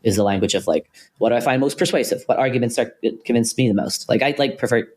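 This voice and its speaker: A man co-hosting a podcast, talking through ideas in a thoughtful, hesitant way with many pauses and restarts. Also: medium pitch, a little mellow. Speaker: podcast co-host. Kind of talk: casual philosophical conversation.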